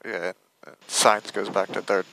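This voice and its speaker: A man's voice: lowish voice, flat delivery, measured pace, gravelly, bright, forceful tone, slight background noise, low-quality recording. A man talking to his team over race car radio as the driver, with clipped, matter-of-fact replies. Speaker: racing driver.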